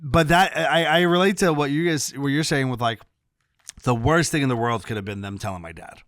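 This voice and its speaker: A man's voice: medium pitch, a little fast, a bit bright, no room sound, studio quality. A man hosting a podcast in casual chat, laughing often and reacting to stories.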